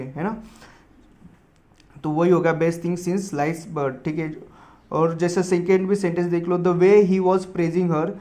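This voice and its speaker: A man with a somewhat high voice teaches vocabulary in an Indian English accent. He spells each word out letter by letter and slows way down to read English definitions. He keeps checking in with his listeners as he goes. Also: vocal fry, a little mellow. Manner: repeats terms with frequent checks like "ठीक है". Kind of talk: spoken lesson explaining vocabulary.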